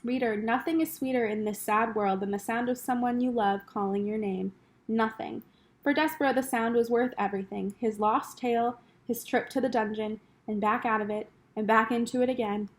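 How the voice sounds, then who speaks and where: A woman teacher reading a children's novel aloud, expressive and speaking directly to the listener. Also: fairly high pitch, normal speed. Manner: expressive storytelling, addresses the reader directly.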